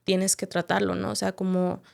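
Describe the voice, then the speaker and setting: A woman's voice: mid-range voice, monotone, normal speed, vocal fry. A woman, a podcast guest giving a candid, reflective personal testimony, often ending her thoughts with a questioning "right?". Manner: candid, reflective storytelling with frequent tag questions.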